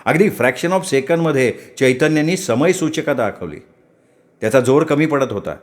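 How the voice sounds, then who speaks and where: A man's voice: mid-range voice, expressive, moderate pace. A man narrating a story with dramatic, vivid delivery.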